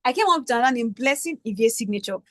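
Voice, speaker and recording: Young Nigerian woman, workshop facilitator, higher voice, dry close mic, chatty teaching manner. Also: animated, racing, fairly bright tone, dry recording. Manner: conversational, checking in with "right?". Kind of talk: online teaching session.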